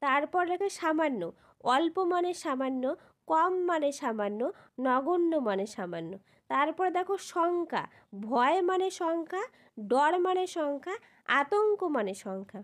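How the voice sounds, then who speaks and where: A woman teacher explaining a grammar lesson step by step. She spells out syllables slowly and keeps asking whether her students follow. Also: high voice, expressive. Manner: repeats a checking question at the end of each point.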